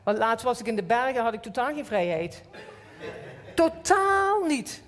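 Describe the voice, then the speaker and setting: A middle-aged woman with a Limburg Dutch accent preaches to a church, telling personal stories and acting out her inner voices. Her voice sits somewhat high. The recording carries a long reverb from the hall. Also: unhurried. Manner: personal, animated storytelling with acted inner voices. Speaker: church speaker. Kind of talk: sermon.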